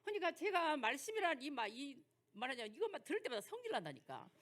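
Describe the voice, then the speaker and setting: A woman's voice: sits high, sing-song, fast, a bit bright. An older woman pastor with a Jeolla accent, preaching through folksy personal stories and rhetorical questions. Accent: Jeolla dialect. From Jeolla, South Korea. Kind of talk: sermon lecture with personal stories.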